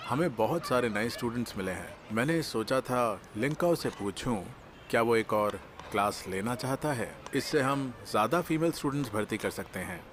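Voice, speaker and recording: A man's voice: medium pitch, lively intonation, normal speed, slight background noise, close to an everyday voice. A middle-aged man voicing a teasing, easygoing taekwondo studio owner in a drama dub.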